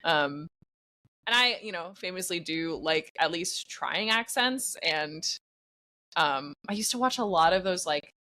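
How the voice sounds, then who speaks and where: A woman's voice: fairly low pitch, expressive, a little slow, bright, forceful tone. A woman being interviewed about her podcast acting, talking in a rambling, self-deprecating way full of "like". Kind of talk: casual interview chat.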